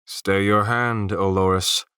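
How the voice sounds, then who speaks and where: A man voicing a solemn male knight who speaks quietly, deliberately and resolutely. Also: deep voice, fairly even intonation, smooth, no echo, clean studio sound, full character voice.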